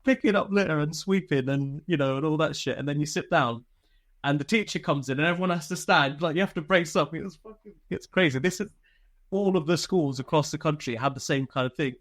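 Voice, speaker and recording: A former soldier, appearing as an interview guest, tells personal stories in a casual, chatty way, swearing freely and chuckling often. His voice sits fairly high, with a brisk pace and a fairly bright tone.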